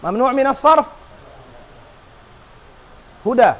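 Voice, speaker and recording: A man's voice: extremely high pitch, animated, a little slow. A man teaching an Arabic grammar class, drilling students with repeated questions and call-and-response.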